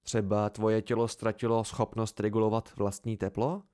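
A man voicing a calm young male student friend who speaks with low, hushed concern, in an amateur audiobook reading. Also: smooth, no room sound, studio quality, close to an everyday voice.

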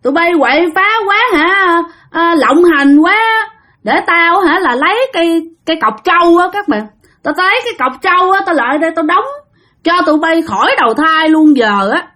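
Woman putting on a drunk old man, blustering, threatening, lively. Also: extremely high pitch, normal speed, pitched above the performer's own voice, heavily acted.

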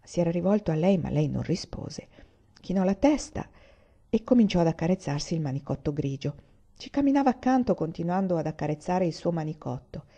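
A woman reading a literary short story aloud in a measured, expressive way, with occasional restarts. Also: fairly low pitch. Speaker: literary reader. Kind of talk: audiobook-style story reading. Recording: dull lo-fi recording.

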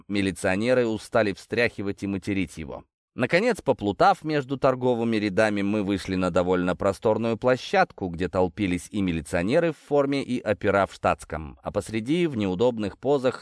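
A man's voice: medium pitch, no echo, clean studio sound. A man reading a first-person story as an audiobook, telling it expressively. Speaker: audiobook narrator.

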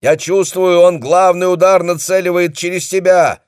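A man voicing a battle-worn male battalion captain who shouts orders urgently. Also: mid-range voice, expressive, slow, slightly rough, dry recording, clean studio sound, voice pushed up, full character voice. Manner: shouting, commanding.

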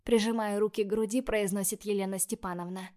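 An audiobook narrator, a woman with a mid-range voice, reads first-person scripted narration. Her delivery is measured and expressive.

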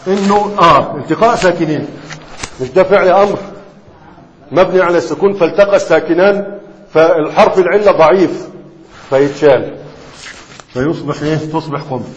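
A man with an Egyptian Arabic accent and a slightly high voice teaches a classroom lesson on Arabic morphology, often pausing to ask quick questions that check whether students follow. The recording has a reverberant hall sound, slight background noise, and dull lo-fi quality.

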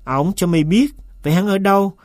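Fretful master for an audiobook, shrill and hissing when crossed, read by a man, dry close sound. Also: fairly quick, a little mellow, no echo, lightly acted. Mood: shrill, furious. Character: anxious, agitated man, master of a servant.

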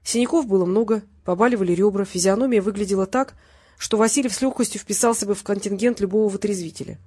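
A woman reading a novel aloud as an audiobook narrator, telling the story in a steady, wry manner. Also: mid-range voice, quick pace, breathy edge. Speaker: audiobook reader.

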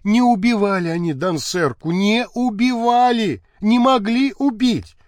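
A man's voice: medium pitch, slow, mellow, husky, no echo, studio quality. A man reading an audiobook, voicing a distraught older noblewoman who wails and pleads for her arrested sons. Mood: pleading. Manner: wailing, pleading, repeating herself.

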